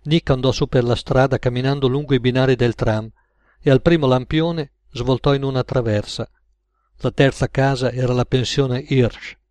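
A man narrating an audiobook in a measured, even manner. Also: mid-range voice, no echo. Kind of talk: audiobook reading.

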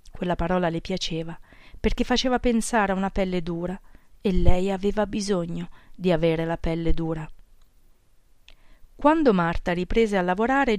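A woman's voice: medium pitch, smooth, dry recording. Woman narrating an audiobook, dry sound. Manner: measured, steady reading.

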